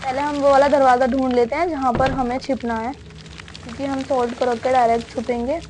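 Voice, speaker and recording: A woman's voice: sits high, little pitch movement, fairly quick, darkish tone, a little hiss or hum. A young woman hosting a horror game let's-play, chatting casually to viewers and keeping up a stream of questions to a helper beside her. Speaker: gaming video host.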